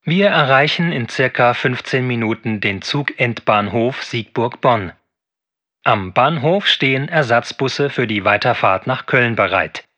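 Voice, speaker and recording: A man reading a formal, measured train announcement over the intercom. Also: medium pitch, lively intonation, sharp tone. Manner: formal, measured, evenly paced. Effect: heard over a train intercom. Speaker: train announcer in a listening exam. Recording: dull, muffled intercom sound.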